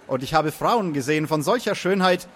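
A man voicing a calm, self-assured wandering minstrel who speaks courteously. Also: fairly high pitch, a little fast, a little hiss or hum, lightly acted.

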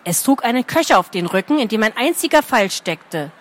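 A woman reading a fantasy story aloud at a steady, expressive pace. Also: on the high side, brisk. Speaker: narrator.

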